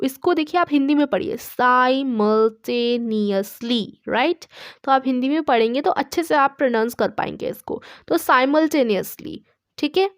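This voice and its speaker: A woman teaching English in an online lesson, reading Hindi sentences and saying the English versions slowly. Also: high voice, no room sound, studio quality.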